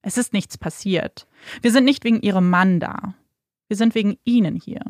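A woman voicing a calm young male police officer in a true-crime story, level and matter-of-fact. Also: mid-range voice, moderate pace, no echo, clean studio sound, close to an everyday voice. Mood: reassuring.

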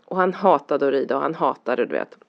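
A woman's voice: sits low, creaky. A middle-aged woman, a parent, chatting casually and rambling through a story, acting out the lines people said. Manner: rambling, animated, acts out quoted lines. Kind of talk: casual chat. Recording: dull lo-fi sound.

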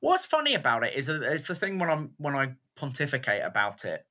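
Male podcast co-host, bright animated voice, rambling enthusiastic film talk. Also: medium pitch, fairly quick. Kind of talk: casual film chat.

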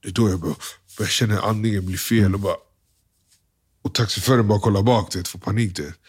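A young man, an interview guest, telling a hard personal story in a subdued, halting way, full of slang and quoted dialogue. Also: fairly low pitch, steady tone, slightly rough.

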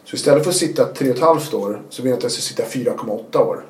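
A man telling his own story in casual conversation, animated and acting out what people said. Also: mid-range voice. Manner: animated, acts out quotes. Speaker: guest. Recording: roomy echo.

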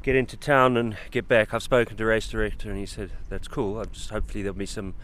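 A man's voice: on the low side, steady tone, fast talker, a bit bright, slight background noise. A male rider chatting casually with the host, staying upbeat despite his frustration. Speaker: race rider. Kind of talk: casual chat.

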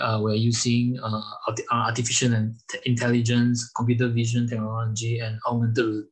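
A man from Malaysia is being interviewed on a podcast about the company he founded. His voice is slightly husky and stays level and flat in pitch. He pauses often and fills the gaps with "uh" as he works through his answers. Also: poor audio. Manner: halting, many fillers, non-native phrasing. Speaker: guest, startup founder and CEO.

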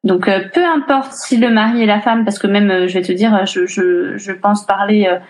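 This casual interview features a thirty-something single mother who is chatty, often restarting sentences and using fillers. Her mid-range, darkish voice keeps fairly even intonation at normal speed.

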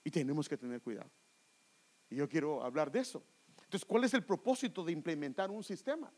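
A man's voice: fairly high pitch, brisk, a little mellow. A man preaching a sermon, acting out voices and calling listeners brother. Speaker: pastor.

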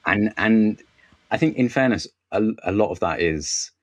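A man's voice: lowish voice, lively intonation, unhurried, no room sound. A man chatting as a TV critic guest on a podcast, enthusiastic and wry, often restarting his sentences. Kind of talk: casual podcast chat.

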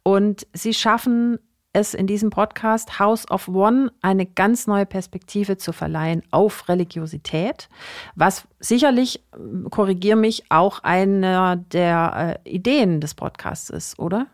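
A woman's voice: mid-range voice, a little slow, dry recording, studio quality. A woman co-hosting a podcast, chatting enthusiastically with some hesitations. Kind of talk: casual podcast conversation.

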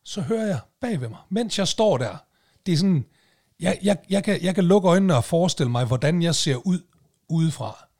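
A man co-hosting a podcast, telling a story in a casual, animated way, swearing and loudly acting out what people said. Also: fairly high pitch. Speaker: podcast co-host.

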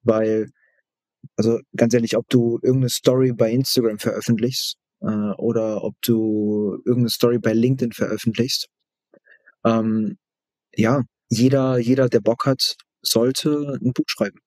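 Male expert guest, flat intonation, dry close sound, casual and halting delivery with repeated phrases. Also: medium pitch, no echo, poor audio. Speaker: guest expert in book marketing. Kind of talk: casual interview talk.

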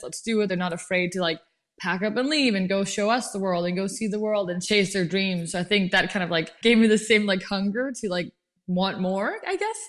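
Young woman from Denmark, startup founder, relaxed rambling guest talk. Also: medium pitch. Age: young adult. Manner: chatty, heavy use of "like" fillers. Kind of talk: casual interview chat.

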